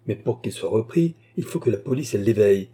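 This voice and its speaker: A man's voice: lowish voice, animated, fairly quick, husky. A man voicing a cold, scheming villainous baronet who speaks curtly and imperiously in a storybook reading. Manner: curt, sharp, imperious.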